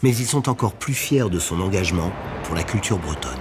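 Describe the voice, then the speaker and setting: Male documentary narrator, very deep, measured, music bed underneath. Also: expressive.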